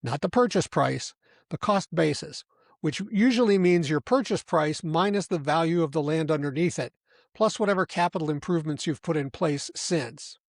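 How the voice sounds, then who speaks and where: A man hosting a podcast, giving a scripted explainer in an emphatic, deliberate way and slowing down to stress key points. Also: a little high, no room sound, clean studio sound. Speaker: podcast host.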